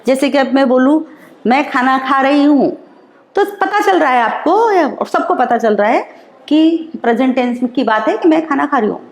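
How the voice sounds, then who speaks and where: A woman teacher, explaining slowly and repeating each example in an online class lesson. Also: high-pitched, lively intonation. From India. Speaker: school teacher. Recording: roomy echo.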